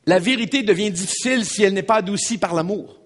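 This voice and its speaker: A pastor with a Québécois French accent preaches a sermon, emphatic and animated, repeating phrases and speaking straight to the congregation. His voice sits high and he moves at a quick pace.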